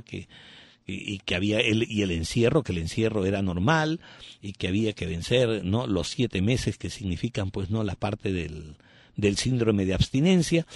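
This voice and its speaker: Husky man in rambling spoken commentary. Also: mid-range voice, a little mellow, no echo. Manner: rambling, digressive, many "¿no?" tags.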